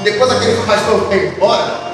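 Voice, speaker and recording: Male pastor, high voice, preaching from far off in a reverberant sanctuary, music underneath. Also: fairly even intonation, brisk. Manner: swings between loud preaching and quiet storytelling. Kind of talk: sermon. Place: church sanctuary. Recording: echoey church hall from far off, with music.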